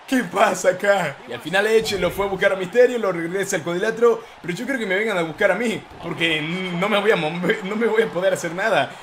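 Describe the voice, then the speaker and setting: A young man giving excitable let's-play commentary, shouting play-by-play calls. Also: high-pitched, a little fast, hardly any pauses, a little hiss or hum. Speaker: gaming YouTuber.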